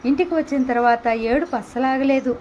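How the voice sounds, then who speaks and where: A woman narrating a novel in the first person with measured, emotional storytelling. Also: sits high, a little mellow, a little hiss or hum. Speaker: audiobook narrator. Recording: dull lo-fi recording.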